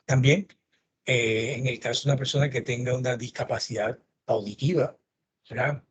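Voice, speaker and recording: A man's voice: medium pitch, fairly even intonation, normal speed. A middle-aged man gives a lecture, telling anecdotes and acting out the dialogue. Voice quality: very husky. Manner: storytelling, acting out quoted dialogue. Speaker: lecturer in forensic medicine.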